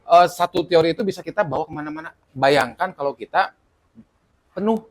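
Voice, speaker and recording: A man hosting a casual discussion, talking in a lively way, asking questions and building on his guest's answers. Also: on the high side, brisk. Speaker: podcast host.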